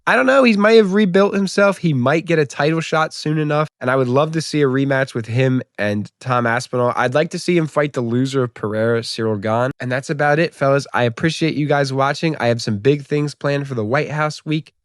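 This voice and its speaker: A man's voice: medium pitch, brisk, few pauses, dry recording. Young guy ranting about fights, swears a lot, jokey and rambly, dry close sound. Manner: profane, rambling, joking. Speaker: YouTube MMA commentator. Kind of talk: casual comedic recap.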